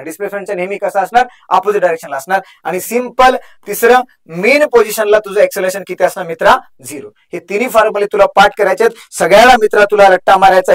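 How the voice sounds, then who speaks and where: Man, young adult, Marathi accent, high-pitched, physics teacher, chatty, joking, quizzes students repeatedly. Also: poor audio. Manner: chatty, joking, drills formulas with repeated questions. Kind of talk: energetic exam crash-course lecture.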